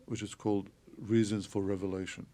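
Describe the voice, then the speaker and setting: A man from Turkey, a theologian guest on a podcast, explaining in a measured way with frequent hesitations. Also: on the low side, level tone, mellow. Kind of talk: podcast interview.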